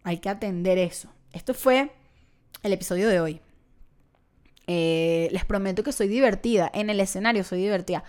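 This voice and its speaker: Venezuelan woman podcaster, young, chatty and self-mocking, smooth clear voice, mid pitch. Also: normal speed, darkish tone. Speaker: podcast host and comedian. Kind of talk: casual solo podcast monologue.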